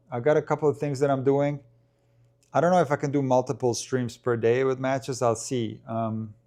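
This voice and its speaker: A man's voice: medium pitch, darkish tone. A man hosting a casual tennis live stream who talks loosely with many ums and restarts while answering viewer questions.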